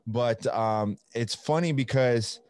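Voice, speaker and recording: A man's voice: mid-range voice, slow, a little mellow, no room sound, studio quality. A young man with an Italian accent hosting a podcast, talking in a rambling, upbeat way full of fillers. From Italy. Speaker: podcast host. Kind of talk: casual interview chat.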